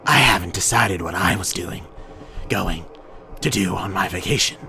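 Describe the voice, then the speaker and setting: A man's voice: deep voice, moderate pace, creaky, bright, forceful tone. A man reading a visual novel aloud as a comedic gameplay commentary, stumbling over words and swearing, his voice strained. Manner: stumbling, mock-dramatic reading broken by laughter and swearing. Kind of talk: comedic let's-play reading.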